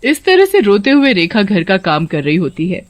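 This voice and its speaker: A woman narrating a scripted story in a plain, steady way. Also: medium pitch, normal speed.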